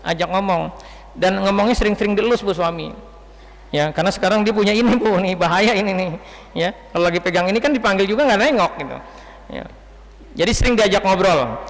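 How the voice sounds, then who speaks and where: A man's voice: sits high, a bit bright, long reverb tail. A man giving an Islamic lecture to a group of women, chatty and joking as he quizzes the audience. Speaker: Islamic preacher.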